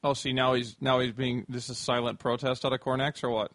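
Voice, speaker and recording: A man's voice: mid-range voice, level tone, fairly quick, a bit bright, no echo. Man co-hosting, close and dry. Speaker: show co-host. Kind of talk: casual comic banter.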